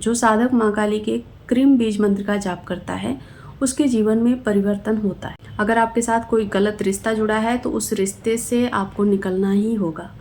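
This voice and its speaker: Calm woman teaching spiritual practice. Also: medium pitch, moderate pace, slight background noise. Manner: calm, instructive, addresses viewers directly. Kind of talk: devotional explainer video.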